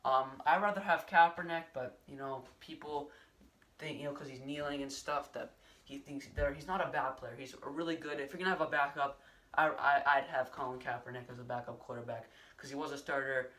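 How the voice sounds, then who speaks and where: A young man talks through his team's season in a loose, rambling monologue, full of fillers and restarts. His voice sits at an ordinary middle pitch. He sounds a little set back from the microphone. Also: fairly even intonation, brisk, bright, forceful tone, recorded from a distance. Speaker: sports vlogger. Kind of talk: casual solo sports recap.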